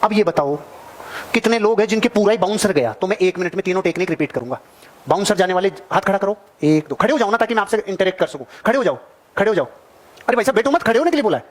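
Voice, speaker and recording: Male motivational seminar speaker, high voice, rapid emphatic delivery, works the crowd. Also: animated. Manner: emphatic, repetitive, addresses audience directly. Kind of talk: seminar speech to a live audience.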